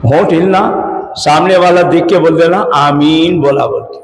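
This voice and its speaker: A man's voice: fairly high pitch, normal speed, creaky, darkish tone. Man, Hyderabadi accent, religious lecture, long mosque reverb, raised voice, quizzes listeners. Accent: Hyderabadi Urdu. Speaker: Islamic law lecturer. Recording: echoey hall.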